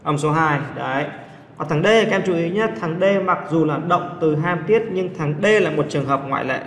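A man's voice: a little high, a bit bright. A male English teacher working through exam answers step by step, often stopping to check that his students follow. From Vietnam. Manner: explains step by step, asks students quick check questions. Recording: echoey room, faint background noise.

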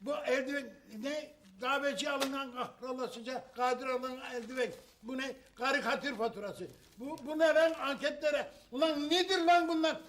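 A man's voice: very high-pitched, fairly even intonation, normal speed, hardly any pauses, fairly bright tone, a little hiss or hum. A man playing a blustering, furious rich boss who rants and curses in a TV comedy. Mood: outraged. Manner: ranting, cursing, repeating himself. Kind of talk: Turkish TV comedy acting.

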